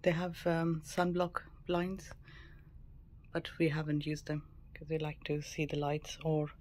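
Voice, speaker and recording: A woman with a low, monotone voice and measured pace narrates a casual, matter-of-fact tour of a small cabin for her travel vlog. She is mostly in a small cruise ship cabin, and background ambient noise comes through clearly.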